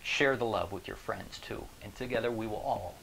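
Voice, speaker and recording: A man in his forties, a motivational speaker, talking straight to the camera in an animated, joking way, recorded on a lapel mic in a small room. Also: lowish voice, normal speed, gravelly, rough recording. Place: small indoor room with a screen behind.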